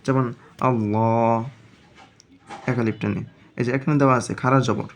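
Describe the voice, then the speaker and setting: A man giving a step-by-step reading lesson, explaining slowly and patiently and repeating each point. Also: mid-range voice, fairly even intonation, slight background noise. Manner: slow, patient explaining with frequent repetition. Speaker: Quran reading teacher.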